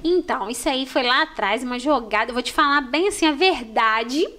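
A woman speaks with a Minas Gerais Brazilian accent in a relaxed podcast conversation. Her voice sits fairly high, and she tells her stories with animated warmth. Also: fairly quick. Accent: Brazilian Portuguese, Minas Gerais. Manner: animated storyteller, warm and expressive. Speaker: store manager guest. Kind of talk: casual podcast chat.

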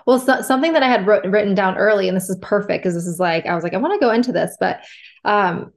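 A woman's voice: medium pitch, fast. A woman hosting a casual podcast interview, chatty and curious as she asks about her guest's experience. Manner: chatty and curious, with fillers and restarts. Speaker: podcast host.

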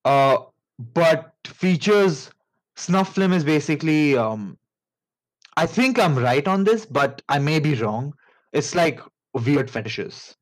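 A man with an Indian accent hosting a casual podcast, telling a story in a rambling, halting way with many fillers and restarts. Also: on the high side, lively intonation, low-quality recording. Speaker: podcast host.

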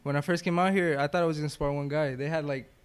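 A man's voice: a little high, steady tone, fast, clean tone. A young man from Oakland, a boxer answering interview questions casually in short, plain, repeated phrases. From Oakland, California. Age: young adult. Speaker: professional boxer, interview guest.

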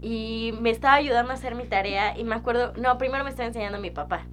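A young woman with a Mexican accent telling childhood stories in a casual podcast chat, animated and slangy, acting out her younger self. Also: fairly high pitch, fast talker, faint music behind. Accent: Mexican Spanish. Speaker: podcast co-host.

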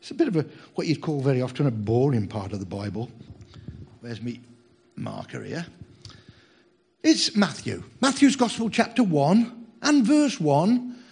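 A male preacher giving a chatty, humorous sermon and teasing his listeners. His voice is husky and sits fairly high, swinging widely in pitch. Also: sing-song, unhurried, pauses often, darkish tone.

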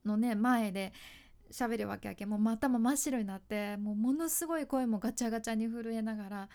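A woman's voice: fairly high pitch, fairly quick, darkish tone. A woman with a Fukuoka accent, a freelance announcer and speaking coach, telling stories in a casual solo talk, laughing often and acting out quotes. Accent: Fukuoka Japanese. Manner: chatty storytelling, frequent laughs, acts out quotes.

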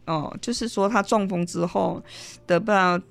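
A middle-aged woman with a Taiwanese accent, an interview guest telling a personal story, lively and acting out the lines she quotes. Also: medium pitch, moderate pace, gravelly. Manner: lively storyteller, mixes in Hokkien, acts out quotes.

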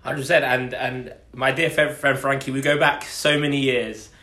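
A podcast co-host in his twenties from Essex and southeast London tells his story in a casual, earnest chat, repeating phrases for emphasis. His medium-pitched voice is level and sharp, at a moderate pace. The room sounds echoey.

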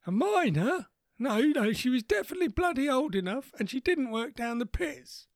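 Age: 80s. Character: doddery forgetful old war-veteran grandad, put on by a man. Delivery: confused, slow, quavering questions. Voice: high and thin. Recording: dry. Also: sing-song, vocal fry, no echo, heavily acted. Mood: befuddled.

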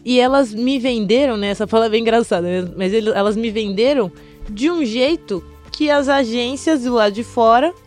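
Young brazilian model chatting in an interview, kinda high voice, very animated storyteller, soft music in the back. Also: female voice, moderate pace. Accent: Brazilian Portuguese. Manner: lively storyteller who acts out other people's voices. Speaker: fashion model, interview guest.

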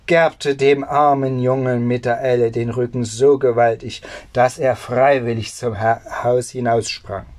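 A storyteller reading a fairy tale aloud at a calm, deliberate pace, with a few small slips and fillers. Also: medium pitch.

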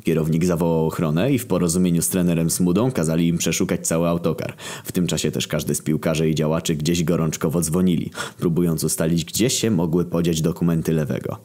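A man telling a crude comic story in the first person with a deadpan manner. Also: low-pitched, fast talker, few pauses.

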